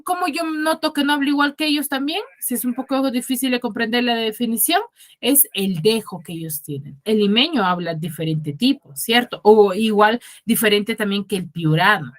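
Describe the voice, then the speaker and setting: A woman's voice: on the high side, fairly bright tone. A woman teacher with a Huaraz Peruvian accent, giving an online class over a video call. She keeps checking in with her students through tag questions and calls on them by name. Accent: Peruvian Spanish from Huaraz. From Peru. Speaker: secondary school teacher.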